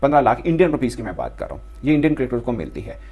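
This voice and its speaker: A man's voice: mid-range voice, big pitch swings, racing, darkish tone, breathy edge. A man explaining cricket contracts point by point. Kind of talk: explanatory commentary.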